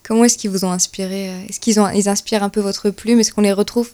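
Woman interviewer, monotone delivery, careful questions with fillers. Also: medium pitch, fast talker.

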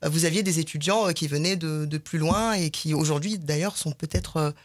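Woman speaking low, hesitant guest. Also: brisk. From France. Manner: hesitant, many fillers. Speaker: association representative. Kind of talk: studio interview guest.

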